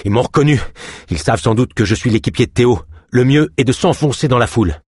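A man's voice: mid-range voice, lively intonation, quick pace, a little mellow, husky, dry recording, clean studio sound, pitched above the performer's own voice. A man voicing a hunted young man in flight, breathless and urgent.

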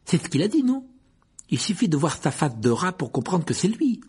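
A man's voice: fairly high pitch, big pitch swings, a little fast, darkish tone, breathy edge, pitched above the performer's own voice, heavily acted. A man voicing a hot-headed, sarcastic schoolboy who sulks and snaps. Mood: defiant. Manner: sulky, sarcastic.

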